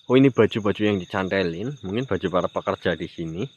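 Talking fast in a low, slightly rough voice, a Banyumas Javanese ghost-hunting streamer chats with his viewers near a graveyard at night. He calls out to a ghost in a teasing sing-song while crickets and insects chirp, and the recording is muffled.

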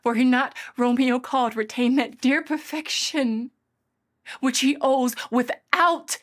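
A lovestruck young heroine, played by a woman, in classical stage acting. Her voice sits a little high and moves extremely slowly, with deliberate theatrical pauses. She is yearning and playful, breathing sighs into the Shakespearean verse. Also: steady tone, a bit bright, heavily acted. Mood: musing. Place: indoors, dark plain studio, filmed.

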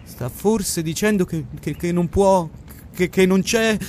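A man voicing an anxious, excitable middle-aged motorist who stammers in a high, agitated voice. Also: fairly quick, slight background noise, full character voice. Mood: panicked.

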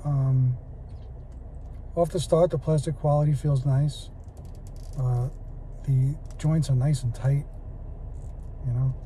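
Poor audio with a little hiss or hum captures a man in his forties reviewing a toy in his parked car. His mid-range voice moves slowly with long pauses, relaxed and chatty, full of fillers, recorded on a phone camera at arm's length.

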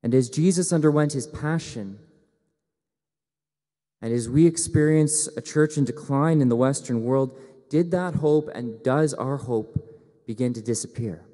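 Young priest preaching in a reverberant church. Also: male voice, mid-range voice, a little slow, dark tone. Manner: earnest, gesturing, rising to emphatic appeals. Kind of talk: sermon. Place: church sanctuary at a lectern, indoors. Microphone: headset mic.

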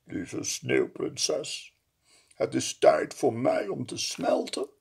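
A man playing a gentle snowman in a children's storybook. He speaks softly and tenderly, close to a hush, in an unhurried and calm way. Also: mid-range voice. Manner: soft, hushed and tender. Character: gentle male snowman, slowly melting.

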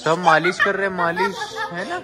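A young man filming a casual family vlog at home, coaxing children and a pet cat in a playful, gentle way. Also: high-pitched, fairly even intonation, brisk. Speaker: vlogger filming family pets. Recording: music playing under the voice.

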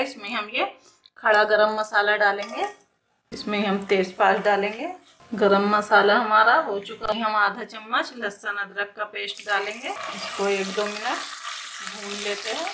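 Woman home cook, calm step-by-step demo, roomy kitchen echo, pan sizzling faintly behind. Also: mid-range voice, background noise. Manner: calm, plain step-by-step explaining with repeated phrases. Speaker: home cooking channel host. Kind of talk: step-by-step cooking demonstration. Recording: echoey kitchen with cooking sizzle. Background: frying sizzle and stirring clicks.

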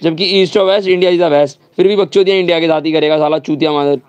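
A young male game streamer rants angrily at the screen, swearing freely through a slightly sore throat. His voice sits on the high side. The sound is dull and dry, like a cheap mic close in a small room. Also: steady tone, fast talker, a little mellow, clean tone, no room sound. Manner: angry, swearing, ranting. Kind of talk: live gaming stream chat.

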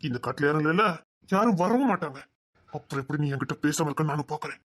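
A woman playing a possessive young man, rapid pleading. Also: sits low, animated. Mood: menacing. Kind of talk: web drama acting.

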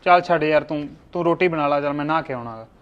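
A suspicious young husband in a village short film, played by a man. He talks fast and brushes people off, and the recording sounds dull and a bit distant. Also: on the high side, close to an everyday voice.

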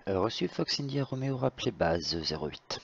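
A man giving procedural radio instructions as a tower controller in a flight simulation, with halting phrasing. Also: lowish voice, very animated, gravelly, fairly bright tone, slight background noise. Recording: slightly dull lo-fi voice-chat audio.

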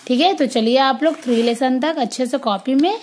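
Woman teacher drilling letters, high voice. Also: a little mellow. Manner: slow, sing-song drilling of letters and words. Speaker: kindergarten teacher. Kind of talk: online class lesson for young children.

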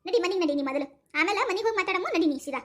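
A woman with a North Karnataka Kannada accent voicing a stern village matron who scolds loudly and gruffly in a comedy skit. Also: very high voice, lively intonation, rapid-fire. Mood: scolding.

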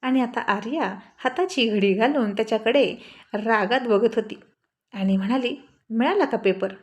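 A woman storyteller reading a story aloud in a steady, plain manner. Her voice sits a little high for a woman. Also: normal speed. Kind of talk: story narration.

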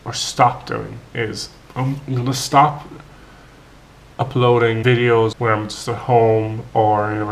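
Hoarse, raspy vlogger. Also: male voice, mid-range voice, slight background noise. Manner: rambling, many fillers and restarts. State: hoarse from tonsillitis. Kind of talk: casual vlog to camera.

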